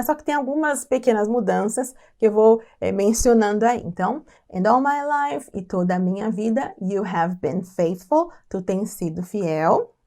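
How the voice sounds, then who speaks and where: Woman from Brazil, slightly high voice, English teacher walking through song lyrics, repeats phrases slowly and patiently. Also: a little mellow. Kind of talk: lyric-by-lyric language lesson.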